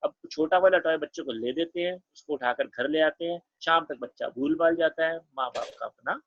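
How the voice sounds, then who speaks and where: A man with an Indian accent teaching a class, explaining with lively everyday examples in a slightly husky voice. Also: a little high, moderate pace, dry recording, lo-fi sound. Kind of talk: classroom lecture mixing Hindi and English.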